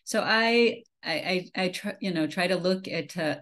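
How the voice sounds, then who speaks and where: A beekeeping presenter from Minnesota gives a slide presentation over a video call, picked up by her webcam. Her voice is fairly low and fairly bright, at a moderate pace. She talks casually, with many fillers and restarts.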